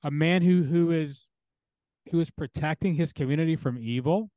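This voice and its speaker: Brief: male interview guest, theologian, emphatic and insistent, stacks phrases in a row, fairly high voice, dry close sound. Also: normal speed, warm tone, no room sound. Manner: emphatic, builds points through repeated parallel phrases. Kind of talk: earnest interview talk.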